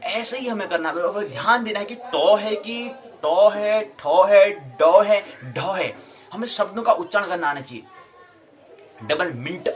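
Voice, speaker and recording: A man teaching a Sanskrit grammar lesson, explaining and drilling sounds slowly and repeating them for practice. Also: high-pitched. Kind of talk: classroom lecture.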